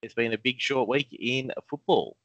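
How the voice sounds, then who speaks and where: A man's voice: mid-range voice, moderate pace, fairly bright tone, dry recording. A man co-hosting a casual fantasy football chat, laid-back and jokey with lots of ums. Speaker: podcast co-host. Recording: dull lo-fi sound.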